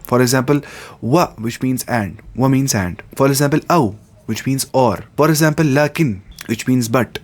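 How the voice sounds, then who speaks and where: Man teaching grammar with repeated examples. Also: mid-range voice. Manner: repeats terms and examples, adds English glosses. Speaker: Arabic teacher. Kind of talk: explaining grammar lesson.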